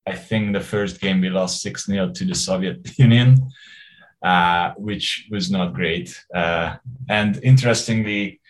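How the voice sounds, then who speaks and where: A man's voice: low voice, poor audio. A man in his forties from Hungary, a guest in an interview, talking in a rambling, hesitant way and laughing often. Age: 40s. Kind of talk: casual conversational interview.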